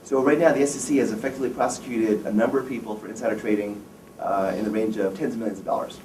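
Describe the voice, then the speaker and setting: Racing through a career talk in a lecture room, a fifties-aged wealth management firm president is blunt and opinionated, quizzing the students. His voice is fairly low and warm with fairly even intonation, picked up from a distance in an echoey space with faint noise.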